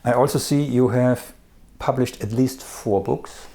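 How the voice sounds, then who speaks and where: A man hosting an interview, asking measured questions and working from his notes. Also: medium pitch, creaky, warm tone. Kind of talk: conversational interview.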